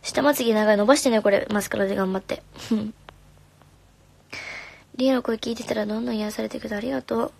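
Soft-spoken young woman with a gravelly edge. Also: a little high, fairly even intonation, fast talker, pauses often. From Japan. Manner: soft and friendly, drops to whispers now and then. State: slightly hoarse. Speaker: idol singer hosting a live stream. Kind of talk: casual live-stream chat reading comments. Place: home room. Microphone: phone.

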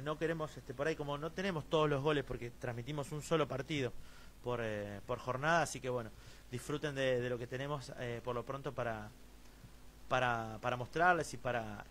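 There's slight background noise behind this mid-range male voice. Speaking with an Argentine Spanish accent, he hosts a local futsal news stream, reading results and long scorer lists in a roundup full of fillers and restarts.

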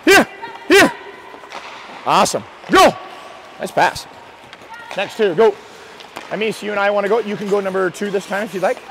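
A man's voice: high-pitched, fairly quick, creaky, pauses often, fairly bright tone. A man coaching hockey on the ice, calling out drills with urgent, repeated, encouraging commands in a noisy indoor rink. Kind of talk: shouted drills and instructions on the ice.

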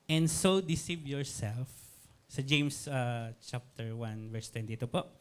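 A man preaching a casual sermon, chatty, often asking his listeners "right?", and reading Bible verses slowly. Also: mid-range voice, smooth.

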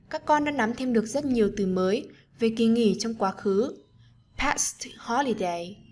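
A woman teacher with a medium-pitched voice gently encourages the children as she narrates an online lesson for them, with a little hiss or hum in the audio.

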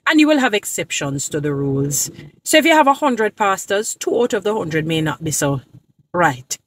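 A woman's voice: lowish voice, big pitch swings, moderate pace, slight background noise. A woman in her thirties talking straight to her phone camera from a parked car, defending churches in an emphatic, lecturing way and repeating points for emphasis. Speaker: social media creator. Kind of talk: direct-to-camera preaching commentary. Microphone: phone camera at arm's length.

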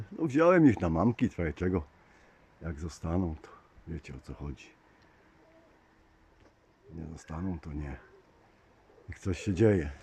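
Brief: low-voiced pigeon-keeping man, easygoing vlog chatter outdoors, faint birds and noise behind. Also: warm tone. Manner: chatty, addresses viewers as dear ones. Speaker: pigeon keeper vlogger. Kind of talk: casual running commentary to viewers. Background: birds and outdoor ambience.

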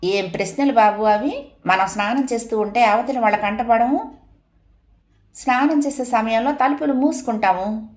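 A woman voicing a caring young wife who gently coaxes her husband, read aloud in a storybook. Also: a little high, normal speed, reverberant, close to an everyday voice. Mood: coaxing. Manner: soft, coaxing.

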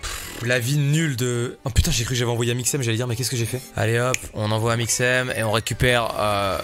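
A man giving casual, joking let's-play commentary as a gaming YouTuber, excitable and slangy, talking straight to his viewers. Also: medium pitch, brisk.

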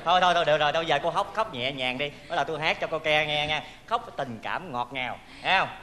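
A man with a Southern Vietnamese accent performing a stage comedy sketch, exclaiming and teasing in an animated way. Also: on the high side, fast. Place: theater stage. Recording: reverberant stage hall, faint noise.

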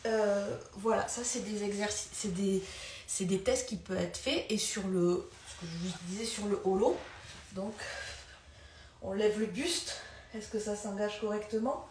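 A woman's voice: mid-range voice, a little slow, darkish tone. A woman physiotherapist teaches live, in a conversational way that loses its thread now and then and then picks it up again. She moves around the room while she demonstrates. The room is echoey, with a faint ambient hum behind her. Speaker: pelvic floor physiotherapist. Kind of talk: live video lesson with demonstrations.

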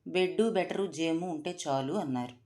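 A woman's voice: sits low, moderate pace, mellow, lightly acted. A woman voicing a timid, deferential male household cook who keeps addressing his mistress politely. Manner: deferential, pleading.

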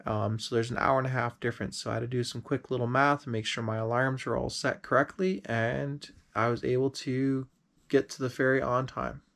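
A man tells the story of his road trip in voice-over, easygoing and unhurried. His voice is gravelly, with a mid pitch. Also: little pitch movement, a bit bright.

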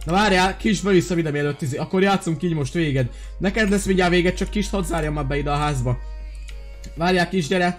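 A man hosting a video game channel, giving playful, excitable commentary while talking to his viewers. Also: on the high side, faint music behind. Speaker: gaming video host.

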